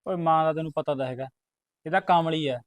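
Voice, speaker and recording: A man playing a hushed, scheming young villager. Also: a little high, fast, lightly acted. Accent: Punjabi. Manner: pleading, hushing, urgent. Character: scheming young man hiding a secret marriage. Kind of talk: rural village drama acting.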